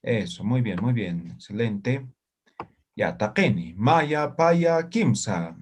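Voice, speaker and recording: A man's voice: fairly low pitch, expressive, slow pace, darkish tone, breathy edge. A man from Bolivia, teaching a live online language class over a video call and patiently checking in after nearly every phrase. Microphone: computer mic on a video call.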